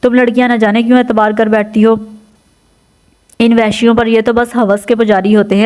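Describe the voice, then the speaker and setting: A woman's voice: fairly high pitch, darkish tone, natural voice. A woman voicing a blunt middle-aged nurse who lectures frankly.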